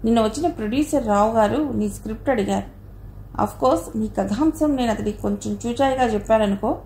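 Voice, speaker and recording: A man's voice: high voice, brisk, gravelly, darkish tone. A trusting, cheerful boss, voiced by a woman narrator, upbeat and encouraging in an audio novel. The sound is roomy with a faint hiss underneath. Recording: roomy echo, faint noise.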